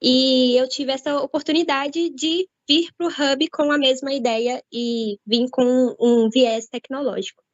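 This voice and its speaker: A woman introducing herself in an online meeting, speaking softly. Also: sits high, fairly even intonation, a little slow, no echo. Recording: dry muffled call audio.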